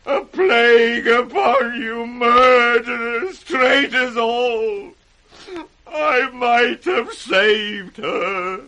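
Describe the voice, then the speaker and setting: An actor playing an aged, grief-maddened king in British radio Shakespeare, raging and tender by turns with declamatory, drawn-out delivery. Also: very high voice, bright, forceful tone, heavily acted. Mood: anguished rage. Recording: noisy vintage radio recording.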